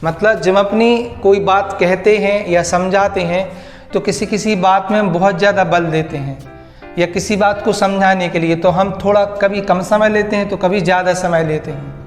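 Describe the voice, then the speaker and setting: A man explains a grammar lesson and keeps repeating key words back to his students as questions. His voice sits high, and it rings in a roomy, echoing space with faint music behind it. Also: steady tone, moderate pace. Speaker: teacher. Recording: echoey room with faint music.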